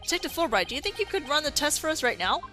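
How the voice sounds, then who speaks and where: A woman voicing a calm male defense lawyer in a game dub, speaking low, level and dry. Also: racing, soft background music, heavily acted. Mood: probing.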